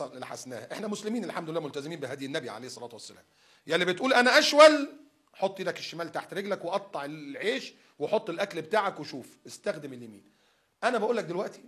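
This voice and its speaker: A man in his fifties with an Egyptian accent, giving a casual religious talk, acting out examples and firing rhetorical questions. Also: fairly high pitch. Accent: Egyptian Arabic. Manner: animated, acts out examples, asks rhetorical questions. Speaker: preacher.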